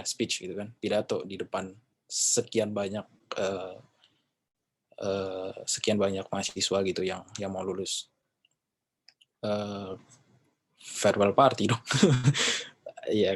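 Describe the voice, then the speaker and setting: A man teaching in a casual, chatty way, relaxed and full of fillers and slang. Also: lowish voice, unhurried, pauses often, husky. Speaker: English teacher. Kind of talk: casual lesson talk.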